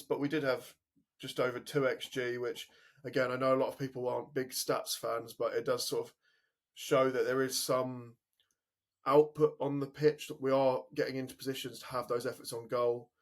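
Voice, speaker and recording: Man recapping a football match. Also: medium pitch. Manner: conversational, recounting match events with fillers. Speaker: podcast co-host. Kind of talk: casual football podcast chat.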